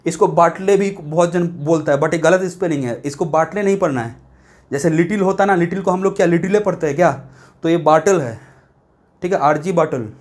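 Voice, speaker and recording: A man with a notably high voice gives a math lecture to students. He explains step by step and keeps checking whether they are following along. When he reads English passages from a textbook, he slows right down and reads them word by word. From India. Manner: explains step by step, checks understanding with repeated questions; reads English text from a book very slowly and word by word. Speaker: math teacher. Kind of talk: classroom lecture.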